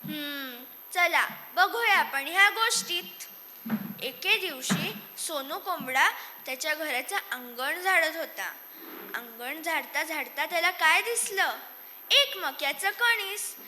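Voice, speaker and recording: A woman storyteller narrating a children's tale on a stage, lively and expressive, speaking to the audience. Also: high voice, slow pace, slight background noise. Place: stage in a hall. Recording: echoey hall, faint ambience.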